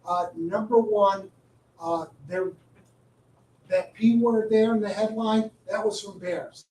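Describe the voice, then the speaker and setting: Man presenting to a county board, high voice, unhurried, full of "uh"s and dry jokes; heard from a distance in an echoey meeting room. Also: fairly even intonation, a little mellow. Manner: halting, many filler "uh"s, wry asides. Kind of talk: informal public briefing.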